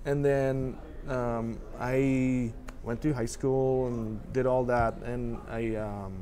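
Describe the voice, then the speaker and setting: Man, 40, from Belgium, guest photographer, casual chat, lots of fillers and restarts, middle pitch. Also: fairly even intonation, slow, warm tone. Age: 40s. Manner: chatty, laughing often, many fillers and restarts.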